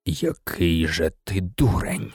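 A man reading aloud, voicing a calm, weary male teacher who speaks quietly and steadily. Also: on the low side, moderate pace, gravelly, no room sound, studio quality, soft background music, pitched below the performer's own voice, heavily acted.

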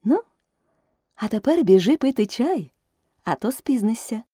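A woman doing a gentle, coaxing older sister. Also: on the high side, sing-song, a little slow, husky, no echo, studio quality, pitched above the performer's own voice, full character voice. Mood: tender.

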